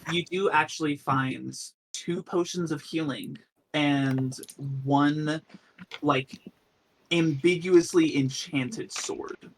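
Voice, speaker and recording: A man's voice: on the high side, fairly even intonation, slow pace, a little hiss or hum, rough recording. A man running a tabletop game, narrating loosely and casually. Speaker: game master.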